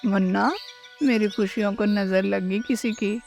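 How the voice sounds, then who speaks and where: A woman's voice: mid-range voice, steady tone, unhurried, creaky, darkish tone. A woman voicing a young boy bird who is waiting for an operation, sounding tearful and hopeful. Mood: sad. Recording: faint music behind the voice.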